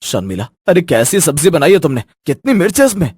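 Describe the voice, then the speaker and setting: Man as naive cartoon husband, husky lively voice, dry close mic. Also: a little high, fast, no room sound. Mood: annoyed. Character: young husband, easily fooled. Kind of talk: animated storybook voice acting.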